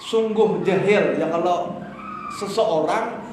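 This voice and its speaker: Banjar preacher guy, high voice, chatty and joking, big reverby hall, bit of hiss. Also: takes it slowly. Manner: lively, joking with the audience, addressing women as "Bu". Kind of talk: religious lecture. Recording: echoey hall with faint noise.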